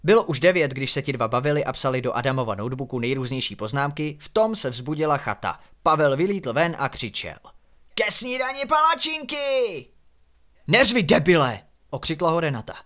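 A man calmly reading a novel aloud as a night-time storytelling session. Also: medium pitch, hardly any pauses. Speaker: reader. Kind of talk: bedtime book reading.

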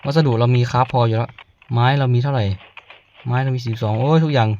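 A man's voice: mid-range voice, steady tone, fast talker, a little mellow, highs cut off, slight background noise. Rambling young man narrating his gameplay. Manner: rambling, swears freely, talks to himself. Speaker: gameplay commentator. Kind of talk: casual let's-play commentary.

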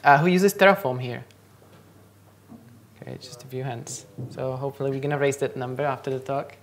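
A young conference speaker from the Czech Republic, natively Czech, presents a tech talk on stage in a large lecture hall using a handheld mic, which carries a little hiss or hum. His mid-range voice is fairly quick with fairly even intonation, and he often breaks off to quiz the audience.

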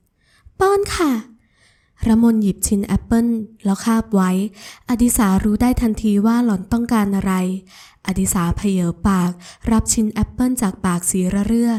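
A woman narrating an audio novel in an even, smooth storytelling manner. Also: fairly high pitch, normal speed. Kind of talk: scripted narration.

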